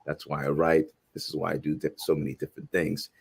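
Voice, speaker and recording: A man in his forties, originally from Haiti, speaks in a very low voice. He talks earnestly and thoughtfully as an interview guest, often starting a phrase over before finishing it. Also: little pitch movement, fast talker, vocal fry, husky. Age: 40s. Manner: earnest, reflective, frequent restarts. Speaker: guest filmmaker and professor. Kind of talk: casual interview conversation.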